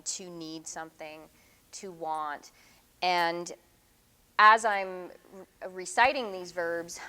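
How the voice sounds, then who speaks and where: Speaking in a fairly low, fairly bright voice that's clear and resonant, a middle-aged woman from Canada gives a lecture on her work as a visiting artist. She's casual and reflective, often saying um and starting over.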